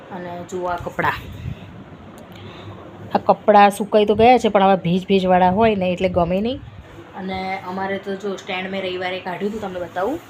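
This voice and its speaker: A woman in her thirties talks chattily to camera, a family vlogger telling homely stories. Her voice sits a little low. A phone mic picks her up over steady background noise from home and street. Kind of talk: casual chat to camera. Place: at home, then outdoors by a busy street market. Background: rain, traffic and market noise.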